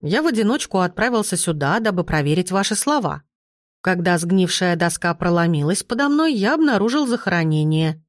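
A woman's voice: lowish voice, lively intonation, fairly quick, no echo, studio quality, close to an everyday voice. A woman reading a cold, stern male investigator. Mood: self-assured. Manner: cold, self-assured, formal.

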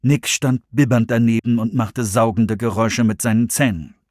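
A man reading a thriller audiobook in a measured storytelling manner. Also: mid-range voice, fairly even intonation, a little mellow, dry recording, studio quality. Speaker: audiobook narrator. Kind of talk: scripted narration.

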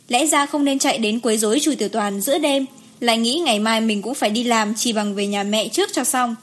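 A woman reading an audiobook story in a steady narrating voice. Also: a little high. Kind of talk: scripted narration.

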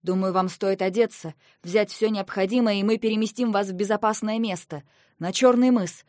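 A woman voicing a loyal winged male guard who speaks calmly and practically. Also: medium pitch, normal speed, dry recording, clean studio sound, lightly acted. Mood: urgent.

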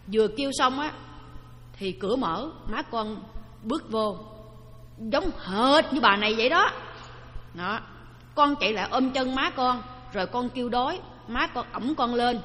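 A woman's voice: a little high, fairly bright tone. Woman doing an eager little boy. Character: eager little five-year-old boy. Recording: long hall reverb.

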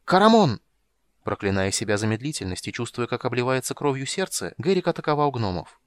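A man narrating a fantasy audiobook in a brisk, dramatic reading. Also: medium pitch, lively intonation, no room sound.

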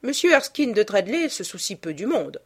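A woman's voice: mid-range voice, sing-song, moderate pace, breathy edge, pitched above the performer's own voice. A woman voicing a pompous male politician who lectures with self-assurance. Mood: lecturing. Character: pompous radical male politician, stuffy and earnest.

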